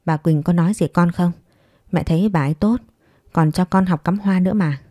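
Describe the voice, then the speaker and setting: A woman voicing a kindly, worried middle-aged mother in a read-aloud story, gentle and fussing. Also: fairly low pitch, a little fast, no room sound, studio quality, lightly acted.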